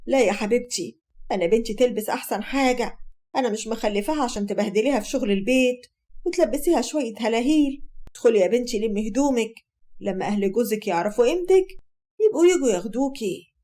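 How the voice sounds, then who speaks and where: A woman voicing an overbearing older Egyptian mother who scolds loudly and indignantly. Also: on the high side, animated, fast talker, natural voice. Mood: scolding.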